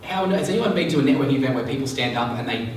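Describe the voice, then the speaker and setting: A man's voice: medium pitch, animated, very fast. A man in a mid-range voice runs a sales seminar for a live audience, chatty and often stopping to check that people follow. He is picked up from a distance in a very echoey room, with a faint hiss behind him. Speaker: sales trainer. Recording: echoey room, mic far off.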